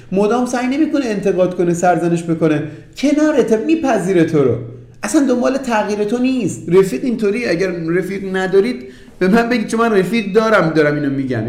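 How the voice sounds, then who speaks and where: A man with a high-pitched voice gives a motivational relationship talk, earnest and emphatic, stacking repeated phrases and turning to the listener often. His voice rings in a roomy, echoing space. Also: darkish tone. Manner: addresses the listener directly. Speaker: relationship coach. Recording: roomy echo.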